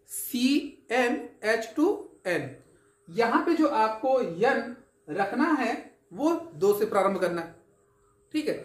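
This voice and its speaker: A chemistry teacher gives a classroom lecture in a fairly high voice, patiently explaining each step. She poses questions, supplies the answers herself, and keeps checking that her students follow along. The room has an echo.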